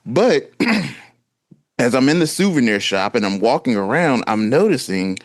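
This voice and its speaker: A man in his thirties co-hosting a podcast, telling a story in a lively, casual way and acting out what people said. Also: medium pitch, normal speed, no room sound. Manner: animated storytelling, acts out quotes. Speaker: podcast co-host. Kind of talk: casual chat.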